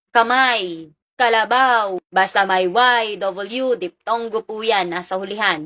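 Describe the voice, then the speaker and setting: Bright-voiced woman giving an exam review. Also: fairly high pitch. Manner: patient, repeats key points, polite po, quizzes the listener. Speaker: reviewer teaching Filipino phonology.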